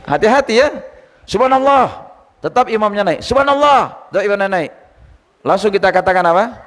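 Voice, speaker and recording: Man, religious teacher, lively lecture, questions the audience, high voice, long hall echo. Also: fast. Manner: lively, quizzes the audience, retells anecdotes.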